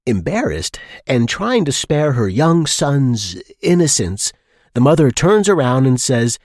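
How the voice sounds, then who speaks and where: A man's voice: medium pitch, big pitch swings, a little slow, a little mellow, no room sound, clean studio sound. A man telling scripted dirty jokes in a leering, smutty, theatrical manner, acting out the dialogue. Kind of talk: scripted joke-telling countdown.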